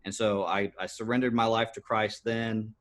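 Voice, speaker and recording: A man's voice: on the low side, level tone, moderate pace, fairly bright tone. A man in his thirties, a podcast guest, telling his life story earnestly, with many fillers and restarts. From United States. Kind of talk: personal storytelling interview.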